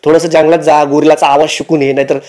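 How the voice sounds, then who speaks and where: A man's voice: on the high side, level tone, fast talker, darkish tone. A man hosting a comic roast, teasing and mocking the people in the clips he reacts to. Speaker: roast host.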